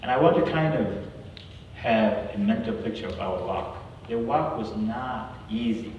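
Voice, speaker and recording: A man from South Sudan speaking as a guest at a university, earnest and halting, with frequent restarts. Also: lowish voice, muffled recording, a little hiss or hum. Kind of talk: campus talk with prayer and personal story. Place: large hall. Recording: echoey hall from far off.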